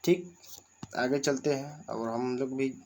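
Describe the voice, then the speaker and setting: Slow-talking male teacher explaining a story. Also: mid-range voice, a little mellow, a little hiss or hum. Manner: reads a passage aloud, then explains it in plain words. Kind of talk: reading and explaining a school lesson.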